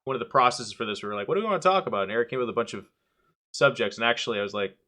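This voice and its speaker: A man's voice: mid-range voice, rapid-fire, bright, forceful tone. A man hosting a casual podcast chat, joking and rambling loosely as he introduces the talk. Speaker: podcast host.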